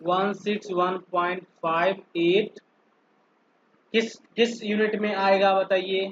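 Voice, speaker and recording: A man's voice: high-pitched, little pitch movement, muffled recording, background noise. A man teaching an online engineering class, working through each step and keeping the students involved with frequent questions. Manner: slow, stepwise, keeps asking students questions. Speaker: polytechnic lecturer.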